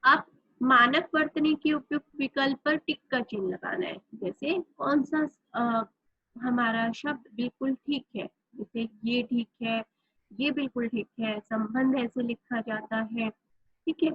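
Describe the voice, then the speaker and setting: A woman's voice: fairly high pitch, unhurried, slightly rough, dry recording, dull audio. A woman teacher who explains a grammar lesson step by step, spelling out words letter by letter. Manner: explains step by step, often says "theek hai".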